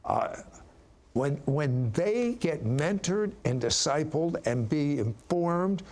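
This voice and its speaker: Slow-talking, higher-voiced male host. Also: expressive, a little mellow. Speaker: talk show host. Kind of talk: religious talk show interviewing.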